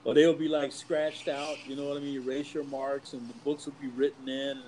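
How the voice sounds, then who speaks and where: A man in his fifties with a mid-range voice shares memories in an unhurried, reflective way. He comes from the US East Coast and speaks as a guest in a relaxed conversation, pausing to think as he goes. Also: medium pitch, a little hiss or hum, low-quality recording. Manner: reflective, measured storyteller. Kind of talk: casual conversation, personal storytelling.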